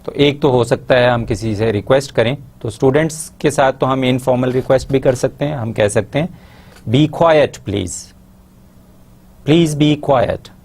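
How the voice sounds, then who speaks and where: A man with a Pakistani accent giving a lecture in Urdu, pausing to read out English example sentences slowly and carefully. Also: medium pitch, fairly even intonation, a little mellow. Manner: explains in Urdu, models English phrases slowly and deliberately. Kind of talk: classroom lecture.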